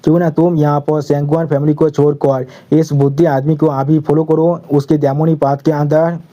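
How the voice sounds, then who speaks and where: A man voicing a cold, mocking old demonic cultivator in a manga recap, speaking calmly and tauntingly. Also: fairly high pitch, normal speed, close to an everyday voice. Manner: calm and taunting.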